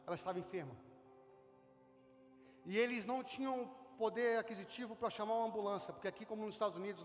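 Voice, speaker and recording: A man from Brazil with a Brazilian Portuguese accent, a pastor preaching a fervent sermon at a church service, swelling loud on key phrases. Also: high-pitched. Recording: long reverb with faint music.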